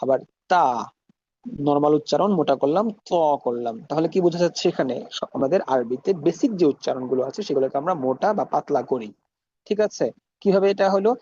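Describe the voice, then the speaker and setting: A man giving a pronunciation lesson as a language teacher, saying each sound slowly and repeating it many times. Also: on the high side, dark tone, highs cut off, slight background noise. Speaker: Arabic teacher.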